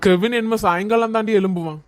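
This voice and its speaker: A woman's voice: medium pitch, quick pace, lightly acted. Woman playing a bossy young guy. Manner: bossy, complaining. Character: bossy young man driving his friends. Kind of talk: comedy sketch acting.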